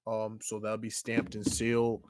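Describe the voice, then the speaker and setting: Dry recording, moderate pace: a man in his twenties with a lowish, completely flat voice co-hosts a podcast. He rambles in loose, casual conversation and often falls back on "you know what I'm saying."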